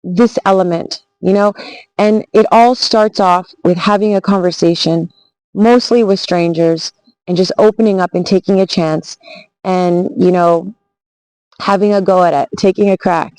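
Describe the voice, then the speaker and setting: A woman's voice: lowish voice, fairly even intonation, unhurried, a little mellow, rough recording. A woman travel vlogger telling a story in a casual, earnest, reflective way, often restarting her sentences.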